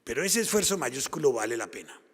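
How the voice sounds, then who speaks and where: In a conference hall with long reverb, a Colombian man lectures the public with a Colombian Spanish accent. His mid-range voice is slightly rough, swings widely in pitch, and moves fast. He builds his arguments emphatically by repeating phrases.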